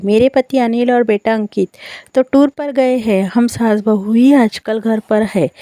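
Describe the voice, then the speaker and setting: A woman narrating a scripted family story in the first person, in a calm, measured reading style. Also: on the high side, no room sound.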